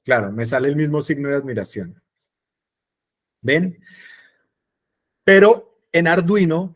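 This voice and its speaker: Male teacher, casual and chatty, mid-pitched voice, often checks in with questions. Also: darkish tone. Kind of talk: online class explaining circuits.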